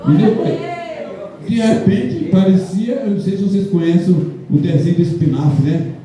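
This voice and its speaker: A man's voice: sits high, moderate pace, dark tone. A man with a Brazilian Portuguese accent, a pastor chatting and joking with his congregation in a church hall. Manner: jokey, chatty, laughs often. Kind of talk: casual church talk. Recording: echoey hall, mic from far off.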